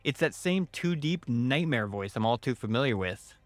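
A man's voice: mid-range voice, animated, normal speed, no echo, faint music behind. A man narrating a scripted first-person horror story in a wry manner.

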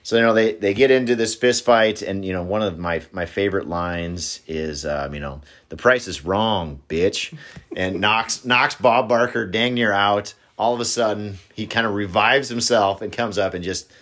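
A man with a fairly low voice talks through favorite film scenes in a relaxed podcast chat. He agrees easily and retells the action step by step in an easygoing way. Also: moderate pace, few pauses. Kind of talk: casual chat about movies.

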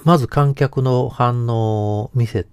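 A man's voice: medium pitch, takes it slowly, a little mellow, smooth, dry recording. A man hosting a casual solo podcast who talks in a meandering way, hesitating often and correcting himself. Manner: meandering, self-correcting talk with many hesitations. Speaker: podcast host.

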